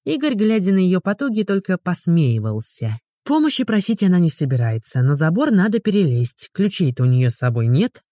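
A woman narrating an audiobook in an expressive, storytelling manner. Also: fairly low pitch, brisk, few pauses, no echo, clean studio sound.

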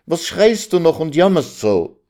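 A man voicing a meek village husband gently coaxing his upset wife. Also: a little high, big pitch swings, unhurried, voice pushed up. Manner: coaxing, pleading.

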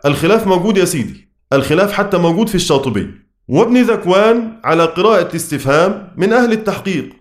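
A man with an Egyptian accent teaching the Quran readings. He chants lines of verse slowly, then explains them quickly in colloquial speech and quizzes his students. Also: a little high. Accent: Egyptian Arabic.

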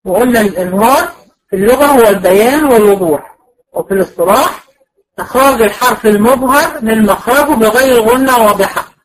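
A woman with an Egyptian accent giving a patient, explanatory recorded lecture to a class, drawing out example words slowly. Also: mid-range voice, breathy edge, poor audio. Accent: Egyptian Arabic. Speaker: teacher.

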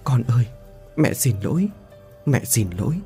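A man's voice: medium pitch, lively intonation, a little fast, warm tone, faint music behind, lightly acted. A man voicing a battered young wife who pleads and wails in an audio story. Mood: anguished. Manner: pleading, anguished.

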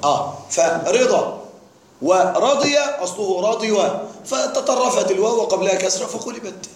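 In an echoey classroom with faint background noise, a man delivers an Arabic grammar lecture, frequently pausing to quiz his students with repeated questions. His voice sits high and is expressive, moving at a normal speed.

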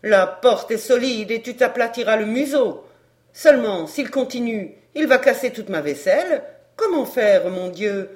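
A flustered old servant woman bursts out her story in a loud, breathless, scolding voice, as a woman reads her. Her voice sits a little high. The storybook feel stays plain and spoken. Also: animated, a little slow. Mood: agitated. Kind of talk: audiobook character reading.

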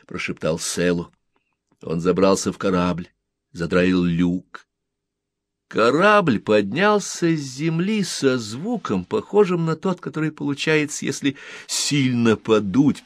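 Deep, slow-reading male narrator. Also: no echo. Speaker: audiobook narrator. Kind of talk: scripted narration.

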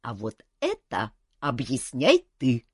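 A woman's voice: a bass voice, huge pitch swings, takes it slowly, husky, dry recording, clean studio sound, exaggerated voice. A woman voicing a sly, teasing young man who mocks his friend. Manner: teasing, wry. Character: mocking young male adventurer, sly joker.

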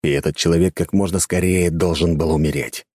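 Male audiobook narrator, very deep, dark mellow tone, calm storytelling, dry close studio sound. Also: a little fast, slightly rough, dry recording. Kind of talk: scripted fantasy narration.

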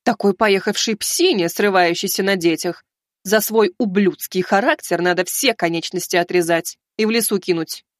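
A man reading an audiobook, putting on a high voice for a savage, foul-mouthed old grandmother. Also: moderate pace, dry recording, clean studio sound, close to an everyday voice. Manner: bloodthirsty, coarse.

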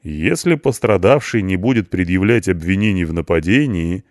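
A calm, wry police officer, voiced by a male reader with a low voice, dictating formal report phrases slowly. The delivery is lively in pitch but measured, in a dry, close storybook reading. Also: no echo.

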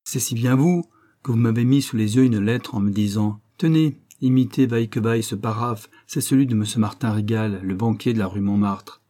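Un homme lisant un livre audio prête sa voix à un jeune homme naïf et affolé, qui bredouille des protestations aiguës. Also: male voice, mellow, natural voice. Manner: stammering, shrill protests. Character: young man, flustered, panicky dupe.

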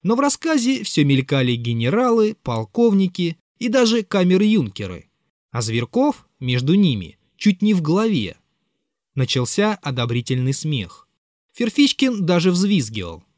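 A man narrating a classic novel as an audiobook with an expressive, bitter confessional tone. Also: on the high side, measured pace, no echo, studio quality. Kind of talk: dramatic literary reading.

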